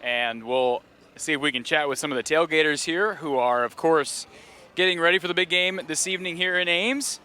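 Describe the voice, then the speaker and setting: A man reports live from outdoors, strolling through a tailgate crowd. His voice sits a bit high and sounds bright and forward. He chats in an upbeat, easygoing way as he stops people along the row. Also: moderate pace, clear, resonant tone. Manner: upbeat, chatty, interviews passersby. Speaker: on-scene reporter. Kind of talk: live roving field report. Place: outdoor tailgate lot near a stadium.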